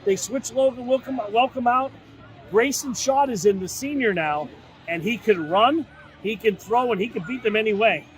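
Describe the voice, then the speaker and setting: Brief: male co-host, very high voice, brisk stat rundown. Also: low-quality recording. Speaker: sports show co-host. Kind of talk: football preview with player stats.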